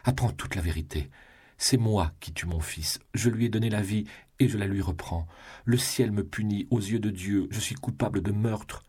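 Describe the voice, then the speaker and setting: A man's voice: low voice, animated, normal speed, darkish tone, slightly rough, heavily acted. A man voicing a devout, guilt-stricken noblewoman and mother who pleads and drops into whispers. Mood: desperate pleading.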